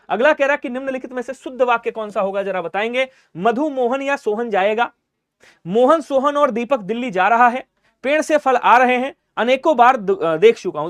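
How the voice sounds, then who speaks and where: A male Hindi teacher giving an exam-prep lesson, quizzing students with repeated questions and trailing off softly at the end of each point. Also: extremely high pitch, dry recording.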